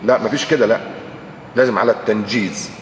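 A man with an Egyptian Arabic accent preaching a sermon, animated and full of rhetorical questions, sometimes chanting verses. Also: lowish voice, fast talker, a little hiss or hum. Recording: echoey hall recording.

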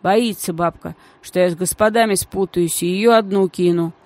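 Женщина озвучивает в аудиокниге застенчивого мальчишку с улицы, говорящего грубовато и по-простому, с бормотанием. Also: female voice, fairly low pitch, moderate pace, a little mellow, no room sound, close to an everyday voice. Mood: bashful. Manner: gruff, folksy, mumbling. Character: shy, rough-spoken street boy.

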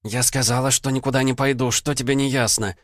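A man reading an audiobook, voicing an angry young woman who snaps out sharp, commanding lines in a raised voice. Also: mid-range voice, fairly even intonation, moderate pace, dry recording, studio quality, voice pushed up, natural voice. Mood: furious. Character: young woman, furious and defiant.

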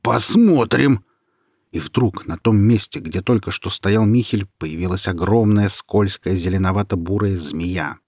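Fields. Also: male voice, deep voice, normal speed, hardly any pauses, no room sound, studio quality. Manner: steady, expressive reading. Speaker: narrator. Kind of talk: storybook reading.

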